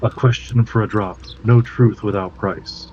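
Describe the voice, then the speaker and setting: A bloodthirsty fey rose speaks in terse, cryptic bargains, acted out by a male game master. The voice is raspy and mellow, with slow, deliberate phrasing in a tabletop game. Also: on the low side, steady tone, dull audio, slight background noise, natural voice. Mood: ominous, cryptic.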